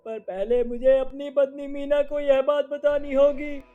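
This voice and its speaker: The ghost of a murdered sweet-shop man in a cartoon speaks with an indignant, threatening edge, played by a voice actor. His voice sits high. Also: little pitch movement, unhurried, phone-quality sound, soft background music. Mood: bewildered. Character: angry ghost of a young sweet-shop husband.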